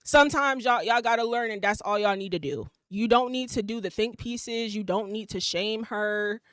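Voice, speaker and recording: A woman's voice: fairly high pitch, normal speed, fairly bright tone, no echo, clean studio sound. A woman, hosting a podcast and ranting bluntly with plenty of swearing. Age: 20s. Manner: blunt, profane, emphatic ranting. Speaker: podcast host. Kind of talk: casual opinion monologue.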